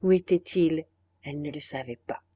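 A woman narrating a classic novel as an audiobook, measured and expressive. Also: low voice, husky.

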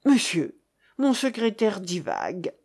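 A woman voicing a sarcastic, theatrical gentleman who speaks with mock-tragic gravity. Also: medium pitch, huge pitch swings, takes it slowly, slightly rough, heavily acted.

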